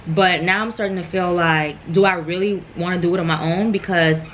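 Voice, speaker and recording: A young American woman with a slightly low voice talks in a casual, candid vlog style. She rambles and repeats phrases as she goes, over clear background noise in the room. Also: steady tone, a little fast, lo-fi sound. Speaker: mukbang vlogger. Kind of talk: casual personal chat.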